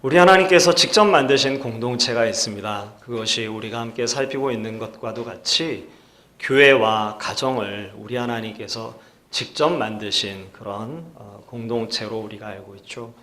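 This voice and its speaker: A male pastor preaching a sermon in a measured, earnest way, putting rhetorical questions to the congregation. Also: medium pitch, sharp tone. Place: church sanctuary. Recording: echoey church hall.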